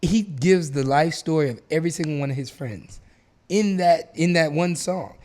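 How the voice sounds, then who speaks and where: A man's voice: a little high, normal speed, a little mellow. A man hosting a casual podcast, arguing his points emphatically and repeating phrases to drive them home. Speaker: podcast host.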